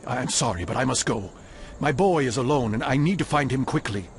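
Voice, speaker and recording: A man's voice: mid-range voice, animated, brisk, a little hiss or hum, natural voice. A man as a solemn village smith.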